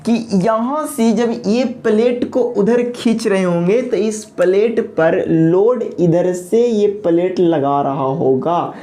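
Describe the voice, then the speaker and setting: A woman giving an engineering lecture, posing questions to the class and answering them herself, repeating key terms slowly. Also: lowish voice, dark tone.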